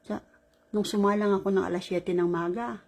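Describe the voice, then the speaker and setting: Middle-aged woman, caregiver type, exhausted; husky and mellow, chatty rambling vlog delivery. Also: medium pitch, brisk. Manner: rambling, animated retelling with laughs. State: tired after a long shift. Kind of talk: casual vlog storytelling.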